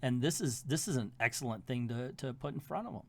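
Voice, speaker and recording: A man's voice: medium pitch, expressive, brisk. A middle-aged man hosting a comic book review channel, giving a casual ranked countdown in a folksy, colloquial way with emphatic asides.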